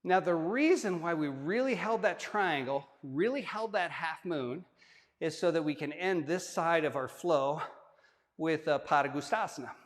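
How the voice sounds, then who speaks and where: A man guiding a yoga flow, giving step-by-step cues with relaxed, joking asides while he demonstrates. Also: on the high side, measured pace. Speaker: yoga instructor. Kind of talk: guided yoga class instruction. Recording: long hall-like reverb.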